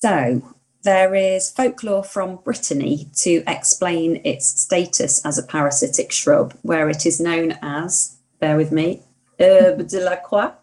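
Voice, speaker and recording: Earnest woman, lowish voice. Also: unhurried, a little hiss or hum, poor audio. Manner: earnest, warmly opinionated, talks herself into mild indignation. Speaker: podcast co-host. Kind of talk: casual podcast chat.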